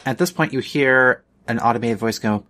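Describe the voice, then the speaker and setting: A man's voice: medium pitch, moderate pace, sharp tone. A man narrating as game master of a tabletop game, loose and full of fillers, laughing often.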